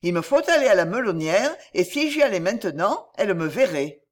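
A woman doing a brisk, brave mongoose hero. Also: mid-range voice, sing-song. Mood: determined. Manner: brisk and determined.

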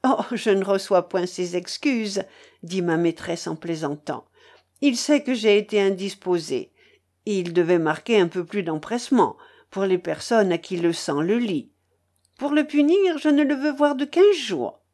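A woman voicing a playful, teasing young noblewoman in a storybook, her pitch raised. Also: lively intonation, unhurried, a little mellow.

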